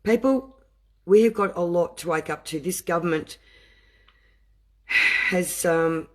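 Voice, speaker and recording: Man, higher voice, reads deliberately, then flares into heated commentary. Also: steady tone, a bit bright. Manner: deliberate reading broken by impassioned asides. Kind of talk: reading aloud and commenting.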